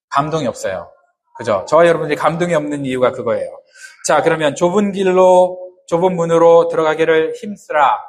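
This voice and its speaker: A man preaching a sermon who keeps asking the congregation questions and answering them himself, in casual, joking everyday words. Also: a little high. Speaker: pastor.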